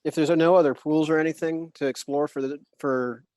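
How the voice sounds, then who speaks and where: A man's voice: a little high, steady tone, fairly quick, a little mellow, no room sound. A man playing a tabletop role-playing game, chatting casually and thinking aloud with some hesitation.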